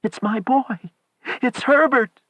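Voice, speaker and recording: A man's voice: a little slow, sharp tone, dry recording. A man voicing a frantic, grieving old woman who screams and pleads in a wild, desperate voice. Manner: shrill, screaming.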